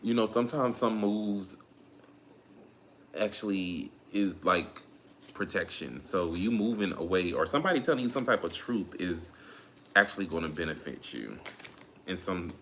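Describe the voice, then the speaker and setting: A man's voice: low voice, expressive, a bit bright, slight background noise. A man with a Southern US accent giving a casual tarot reading, laid-back and a little tired, often repeating his phrases. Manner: laid-back, drawn-out, repeats phrases while calling on spirit. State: tired, drained. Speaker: tarot reader.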